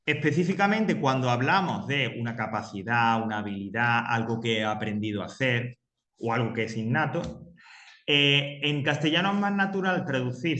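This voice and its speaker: A man's voice: medium pitch, a bit bright, echoey room. A man teaching English grammar to a class, patiently explaining and repeating example sentences. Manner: patient, repeats key points, reads example sentences aloud.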